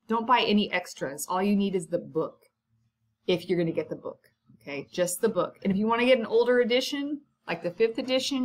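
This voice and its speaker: Chatty woman instructor going over a syllabus. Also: mid-range voice. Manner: chatty and informal, many ums and asides. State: coughing now and then. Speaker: college instructor. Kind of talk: casual syllabus walkthrough lecture.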